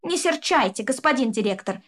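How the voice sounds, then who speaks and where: A woman's voice: high voice, expressive, fairly quick, a bit bright. A woman doing a nasal fawning dwarf. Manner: fawning, breathless urgency. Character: obsequious nasal male dwarf servant.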